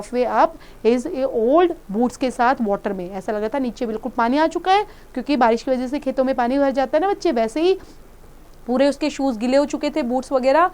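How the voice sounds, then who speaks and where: A woman's voice: sits high, a little mellow. A woman teacher reading an English story aloud and explaining it line by line in Hindi to pupils. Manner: reads English slowly, then explains in Hindi.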